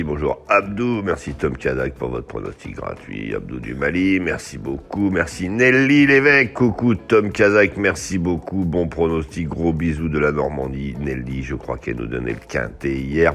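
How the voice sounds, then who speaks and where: Very deep-voiced chatty male racing tipster. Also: vocal fry. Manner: chatty, animated outbursts, drawn-out horse names. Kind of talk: live tipping show, reading viewer messages.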